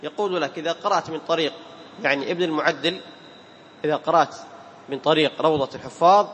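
A man with a high voice teaches Quran recitation, patiently questioning his students and chanting verses in a slow, drawn-out way. His voice rings with a long hall reverb, and a faint room noise sits behind it. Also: fairly bright tone. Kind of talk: classroom tajweed lesson.

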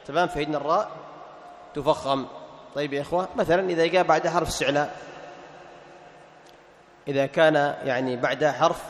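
A man teaching a tajweed class, asking his students questions, answering them and slowing down to recite examples. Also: on the high side, a bit bright, roomy sound, long reverb tail, slight background noise.

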